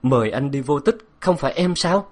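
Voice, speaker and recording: A man's voice: mid-range voice, lively intonation, normal speed, voice pushed up, natural voice. A man voicing a composed young man who presses intently with questions in an audiobook story. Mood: surprised.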